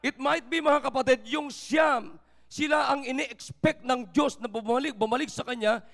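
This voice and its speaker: A male pastor preaching a sermon, mixing Tagalog with English scripture quotes and rising to shouts. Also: very high voice, moderate pace, gravelly, in a large hall. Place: church sanctuary.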